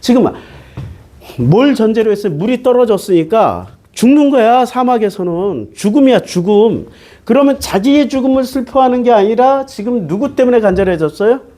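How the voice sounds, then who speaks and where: A pastor's extremely high, animated and warm voice carries a Bible-teaching sermon at normal speed. He speaks conversationally, switching between polite and casual forms, and questions his listeners over and over.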